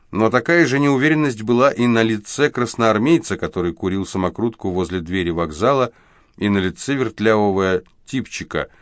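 A man narrating an audiobook in a measured, expressive storytelling manner. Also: fairly low pitch, no echo, clean studio sound. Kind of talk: scripted narration.

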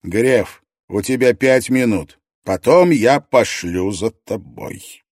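A man's voice: mid-range voice, slow, dry recording, clean studio sound. A man voicing a stern male sergeant who barks orders and speaks with cold authority. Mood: commanding. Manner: barking orders, then cold calm.

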